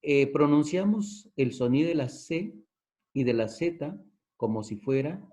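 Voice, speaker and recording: Mellow-voiced Peruvian man teaching. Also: a little high, animated, unhurried. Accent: Peruvian Spanish. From Peru. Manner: explains step by step, repeats key terms, checks in with the listener. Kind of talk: recorded lesson. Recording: dull lo-fi recording.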